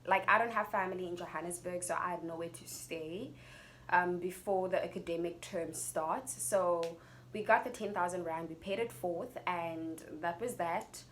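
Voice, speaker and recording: A young adult woman with a South African accent tells a personal story in a casual, chatty, expressive vlog style. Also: lowish voice, moderate pace, slight background noise. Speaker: YouTuber telling a personal story.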